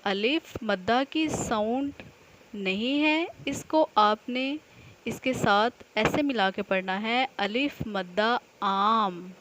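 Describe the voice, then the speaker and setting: A woman leads a nursery alphabet lesson. Her voice sits a little high, and she speaks very slowly, drawing out every syllable so small children can follow and repeat. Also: fairly bright tone, slight background noise, poor audio. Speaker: nursery Urdu teacher.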